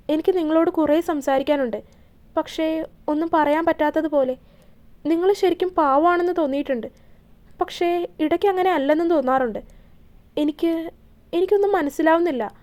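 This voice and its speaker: A woman's voice: high voice, a little mellow, close to an everyday voice. A woman voicing a tearful young wife. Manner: halting, repeats words while crying. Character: heartbroken young wife, grieving and unsure.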